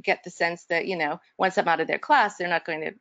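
A woman's voice: lowish voice, steady tone, a little fast, a bit bright, dry recording, highs cut off. Earnest woman instructor on a video call. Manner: earnest, reflective, many fillers and restarts. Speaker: faculty instructor. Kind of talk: casual discussion in an online faculty workshop.

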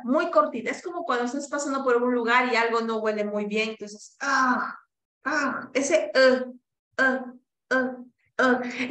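A woman teaching an English pronunciation class, slowly modeling vowel sounds for students to repeat and slipping between two languages. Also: sits high, a bit bright, roomy sound. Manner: slow and deliberate, drawing out each vowel and code-switching to English.

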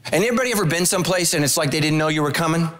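A middle-aged man preaches from a large church stage into a handheld microphone. His voice sits fairly high, and he tells stories with humorous asides, his pitch climbing and dropping as he goes. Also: rapid-fire. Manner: animated storytelling with humorous asides, pitch swinging widely. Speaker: pastor. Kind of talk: sermon.

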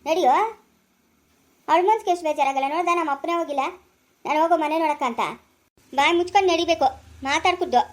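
A woman acting a sharp-tongued village woman in a family skit, scolding and nagging, with a Chikkaballapura Kannada accent. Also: high voice, fast talker, long pauses, lightly acted.

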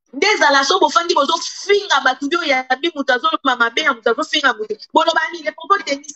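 A woman's voice: high voice, pushed and bright. A woman YouTuber, giving indignant commentary to camera and switching between Lingala and French. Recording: dull lo-fi recording.

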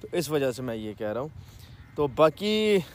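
Walking through open farm fields, a real estate vlogger in his thirties with a Pakistani Punjabi accent chats and explains things while filming himself on a phone held at arm's length. His voice is fairly high and sing-song, and he moves at a measured pace.

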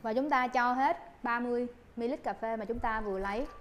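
A polite young barista instructor teaches coffee making at an indoor coffee shop counter, recorded on a lapel mic. Her voice is a little high and a little fast, with soft music in the background, and she addresses viewers using soft fillers.

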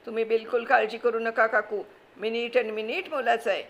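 A woman voicing a brisk young man who gives quick, reassuring orders and mixes in English words, read from a storybook. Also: a little high, level tone, lightly acted. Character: brisk young man rescuing people by car. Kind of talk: storybook reading.

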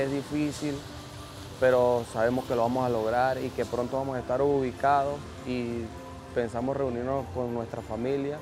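A Venezuelan man in his thirties, a migrant father, speaking earnestly with many fillers in a street interview outdoors. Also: mid-range voice. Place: outdoor covered shelter.

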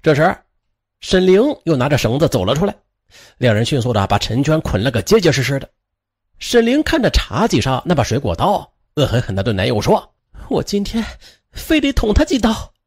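A man narrating a true-crime story in a lively, dramatic way, with fillers and moral asides. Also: medium pitch, brisk, slightly rough.

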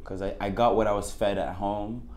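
A young man raised in Canada, answering interview questions in a relaxed, emphatic way and often repeating his key phrases. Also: fairly low pitch, normal speed. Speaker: guest rapper. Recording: roomy echo, faint background noise.

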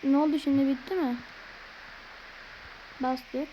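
A woman's voice: sits high, fairly even intonation, slow, highs cut off, a little hiss or hum. A young woman talking through a game she is playing, muttering in frustration and making playful sound effects. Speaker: gaming video creator. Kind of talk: casual gameplay commentary.

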